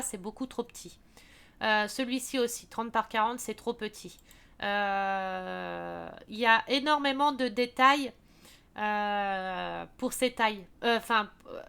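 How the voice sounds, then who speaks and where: Chatty French-speaking woman, slightly high voice. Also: a bit bright, smooth. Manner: chatty, many fillers and restarts. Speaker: craft video creator. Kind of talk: casual product walkthrough.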